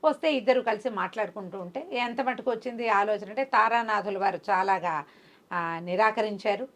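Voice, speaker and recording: A woman storyteller with a mid-range, slightly bright voice speaks at normal speed, telling a folk tale conversationally to a listener. She acts out the characters' dialogue within her narration.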